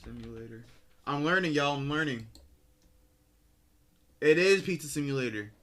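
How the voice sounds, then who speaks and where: A man's voice: a little high, animated, moderate pace, fairly bright tone, a little hiss or hum. Rambling man reacting with slang. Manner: rambling, self-correcting, slangy, talks to viewers. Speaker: streamer reacting to a video. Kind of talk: casual reaction commentary.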